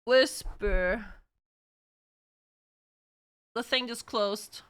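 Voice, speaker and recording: A woman streamer chatting casually with her live viewers, bubbly and talkative, now and then calling out loudly. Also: fairly high pitch, very slow. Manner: bubbly, chatty with viewers, bursts of shouting and laughing.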